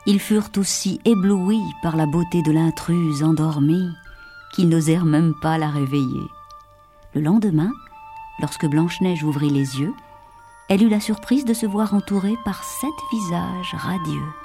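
A woman with a fairly low voice reads a fairy tale aloud. She narrates expressively, slipping into whispers at tense moments, with faint music behind. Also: a little slow. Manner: expressive, dropping to whispers for suspense. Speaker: storyteller. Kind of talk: storybook narration.

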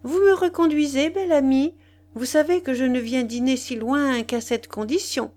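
A playful young woman teases and coos affectionately in a high, lifted voice, as a woman narrator puts her on. It is a storybook reading with bright, fond lines. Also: steady tone, normal speed, close to an everyday voice. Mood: teasing.

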